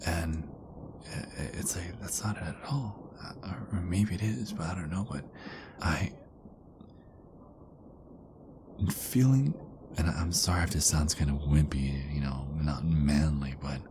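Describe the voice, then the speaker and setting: A man plays an insecure, gentle werewolf boyfriend for intimate ASMR, his rumbling low voice hushed, hesitant, and frequently dropping to a whisper. The mood is anxious and vulnerable, and the background is noisy.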